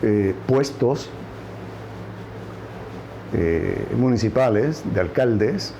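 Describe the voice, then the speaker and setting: A man's voice: fairly low pitch, lively intonation, very slow, noisy background. A man with a Puerto Rican accent giving political commentary on a news program, stressing points by repeating words. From Puerto Rico.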